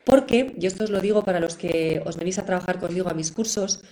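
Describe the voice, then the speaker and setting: Heard on a rough recording, this middle-aged parenting educator speaks fast in a lowish voice. She leads a live online class for parents, warmly encouraging them and acting out examples.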